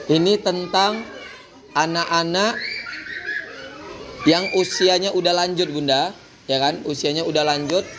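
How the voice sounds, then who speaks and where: A man, a kindergarten teacher giving a lively talk to parents and often addressing the mothers. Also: fairly high pitch. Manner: animated, mimics children's voices, keeps addressing the mothers.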